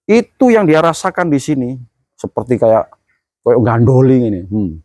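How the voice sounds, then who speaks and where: A man delivers a religious sermon, painting scenes dramatically and filling pauses with thoughtful hums. His voice sits at an ordinary male pitch. The sound is dry and close. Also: big pitch swings, a little mellow, no room sound. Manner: vivid storytelling, dramatic, with many hums. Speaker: religious teacher.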